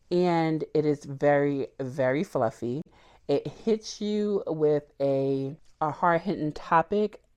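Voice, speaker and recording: A woman's voice: low voice, mellow. A woman book vlogger chatting casually and candidly about what she read, with frequent ums. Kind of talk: casual book wrap-up chat.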